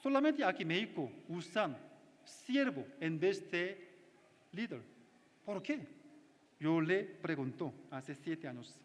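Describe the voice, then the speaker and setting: A man's voice: high voice, very animated, takes it slowly, long pauses, long reverb tail. A man preaching a sermon as a pastor, speaking with simple phrasing and often checking in with the audience. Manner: simple non-native phrasing, frequent check-in questions. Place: church retreat hall.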